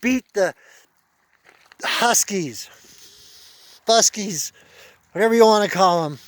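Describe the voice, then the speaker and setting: A man with a high, light voice rants casually to camera about his team's fans, exasperated and emphatic, doubling back on his words. He is outdoors with his dog, and the sound is close and dry with no room around it. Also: slow, fairly bright tone, no echo. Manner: exasperated, emphatic, repeats himself. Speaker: sports fan vlogger. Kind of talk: casual fan rant to camera.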